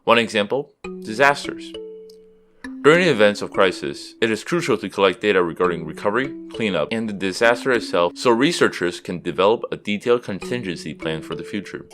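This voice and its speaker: A young man from Seattle whose first language is Chinese, reading a scripted video essay in a steady, explanatory way. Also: on the low side, fairly quick. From Seattle, USA. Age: young adult. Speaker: student narrator. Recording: music behind voice.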